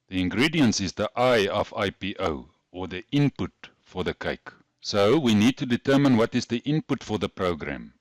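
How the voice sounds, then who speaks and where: Male tutorial host, broad South African Afrikaans accent, lowish pitch, dry close sound, methodical scripted teaching. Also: dry recording. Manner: methodical, instructional, carefully explained. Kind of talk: scripted lesson narration.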